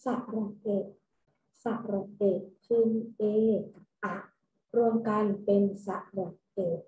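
A woman teaching a recorded kindergarten homework lesson, slowly and patiently repeating each step for small children to follow. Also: mid-range voice, little pitch movement, warm tone, roomy sound, low-quality recording.

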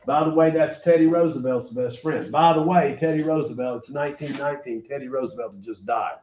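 This is a classroom lecture by an older Oklahoma history teacher whose medium, darkish voice moves briskly as he emphatically repeats key phrases and quizzes the room. Echo and background noise fill the medium-sized indoor space, recorded by a camera mic far at the back.

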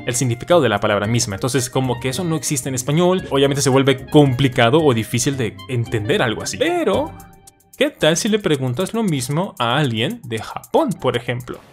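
A man giving a casual, animated talk about learning languages, with plenty of fillers and restarts. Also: medium pitch, a little fast, music in the background. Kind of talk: casual educational talk to camera.

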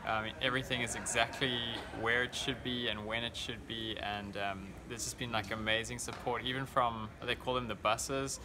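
A man's voice: mid-range voice, fairly even intonation, normal speed, hardly any pauses, music in the background. A man in his thirties with a South African accent, a coach talking casually in an interview. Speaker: team coach. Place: indoor convention venue. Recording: clear background noise, busy event venue.

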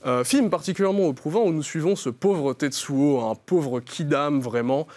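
A young man, a columnist on a web talk show, giving a playful mock sales pitch with many fillers. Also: moderate pace, a little mellow.

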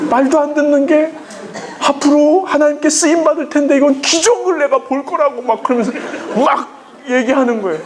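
A pastor lecturing parents in an animated, emphatic way, acting out voices as he speaks to a live audience. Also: very high voice, a little hiss or hum. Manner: emphatic, acts out quoted voices, often says "막".

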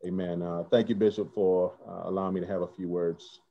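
A man giving earnest, halting remarks to his church over a video call from home. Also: low-pitched, level tone, vocal fry, mellow. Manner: earnest, halting with many restarts. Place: home, indoors. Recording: dull lo-fi video call audio.

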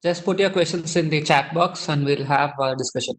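A South Indian-accented man, native in Tamil, moderates an online webinar. His voice sits a little high and he talks quickly as he handles the questions. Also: a bit bright. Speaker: webinar host. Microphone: online call microphone.

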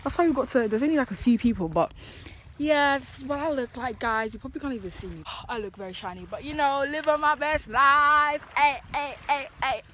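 A woman's voice: high voice, a little fast. Chatty teenage girl vlogging. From United Kingdom. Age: teens. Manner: chatty, excitable, giggly. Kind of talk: casual travel vlog chat. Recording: loud background noise.

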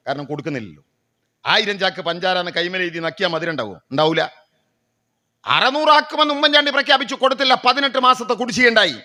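A middle-aged man from Kerala speaks at a political gathering into a stage mic, his voice set high and ringing bright. He works the crowd with rhetorical questions and answers them himself, then slides into stories. The delivery is that of a practiced public speaker.

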